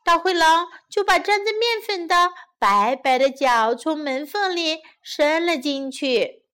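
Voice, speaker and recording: Woman storyteller for kids, high animated delivery, unhurried. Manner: slow, expressive storytelling. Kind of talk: bilingual children's story narration.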